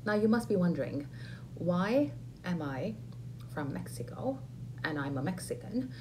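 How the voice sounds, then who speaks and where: A woman teaching an English lesson, saying model phrases slowly and clearly for learners to repeat. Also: on the low side, very animated, background noise. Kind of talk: ESL lesson with repeat-after-me drills.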